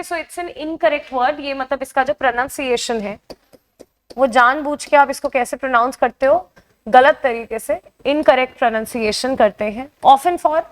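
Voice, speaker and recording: High-voiced Indian woman teaching a class. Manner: explains in mixed Hindi and English, checks understanding with questions. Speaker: exam coaching teacher. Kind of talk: online classroom lesson.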